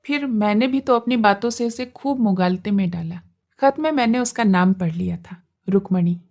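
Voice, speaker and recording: A woman narrating a literary short story in a measured, expressive storytelling manner. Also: mid-range voice. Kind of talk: scripted audiobook narration.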